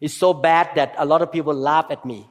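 Older man, Thai accent, sermon testimony, high voice, slow emphatic phrases, echoing hall. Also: steady tone. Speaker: guest speaker giving testimony.

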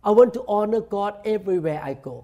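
A man's voice: high voice, animated, dark tone, highs cut off. Thai-accented man preaching a bilingual sermon. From Thailand. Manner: preaches each point in English then repeats it in Thai; slow, deliberate English, rapid Thai. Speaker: pastor. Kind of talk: bilingual sermon, self-translating.

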